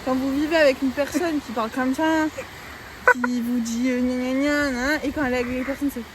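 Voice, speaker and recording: High-voiced young woman vlogger, animated, hesitant, loud noise around. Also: fairly quick. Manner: animated storytelling, hesitant fillers. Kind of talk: casual travel vlog chat.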